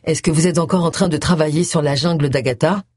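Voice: medium pitch, quick pace, a little mellow, no echo, studio quality, lightly acted. A reader voicing James, a self-assured retired male army colonel, in an audiobook, speaking in a confident, inviting way.

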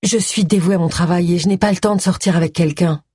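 A woman voicing a young woman in an audiobook reading, lively and a touch husky. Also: lowish voice, quick pace, no room sound, studio quality. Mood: firm.

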